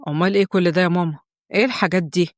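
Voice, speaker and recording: Young man, Egyptian accent, gentle, dutiful son, placating, voiced by a woman, deeper than her own voice, dry. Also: fast talker, dry recording, natural voice. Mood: puzzled. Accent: Egyptian Arabic. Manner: soft, pleading, placating.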